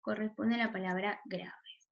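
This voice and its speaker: A woman's voice: mid-range voice, steady tone, moderate pace, gravelly, highs cut off. A woman teacher walks children through a spelling lesson, often checking in with a questioning "¿sí?". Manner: checks in with a questioning "¿sí?" after each point.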